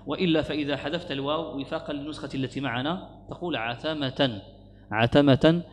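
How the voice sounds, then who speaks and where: A man teaching an Arabic grammar lesson in a lecture, repeating key words, pausing often and reciting quoted verses slowly. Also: medium pitch, a bit bright. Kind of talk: classroom lecture explaining a grammar poem. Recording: echoey hall with faint hum.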